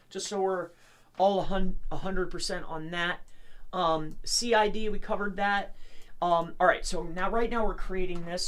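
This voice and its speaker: A man hosting a casual live tutorial, chatting on nonstop and informally addressing his viewers as he goes. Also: high voice. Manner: rambling, chatty, talking on nonstop. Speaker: host of an SEO tutorial livestream.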